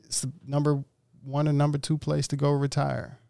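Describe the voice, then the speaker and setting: A man from Mississippi talks casually as a guest, unhurried and halting, often circling back to restart a thought. His voice has a gravelly, fry-edged texture. The sound is close and dry. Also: a little high, completely flat delivery, dark tone, no echo. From Mississippi, USA. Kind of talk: casual chat.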